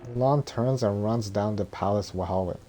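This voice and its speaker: A man with a low, mellow voice reads out a film script in a droning monotone. He is halting and trips over words, with faint noise in the background.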